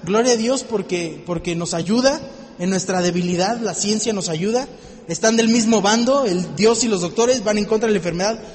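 A man preaching a lively sermon, joking and acting out little scenes for his listeners. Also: sits high, moderate pace, long reverb tail, soft background music.

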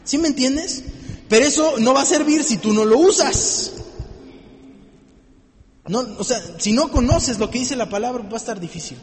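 A man preaching a lively sermon, joking and acting out little scenes for his listeners. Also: very high-pitched, normal speed, pauses often, long reverb tail.

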